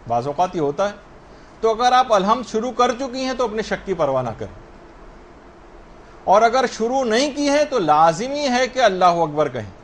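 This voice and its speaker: High-voiced man teaching prayer rules. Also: very animated, slight background noise. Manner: explanatory, asks and answers questions himself; spells out correct pronunciation slowly. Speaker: religious teacher. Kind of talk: religious lesson on prayer rulings.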